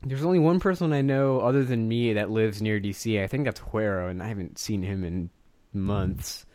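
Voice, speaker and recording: A man's voice: on the low side, moderate pace, warm tone, no echo. Young american guy joking around, laughs a lot, dry close mic. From eastern United States. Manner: laughs often, joking banter. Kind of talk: casual chat.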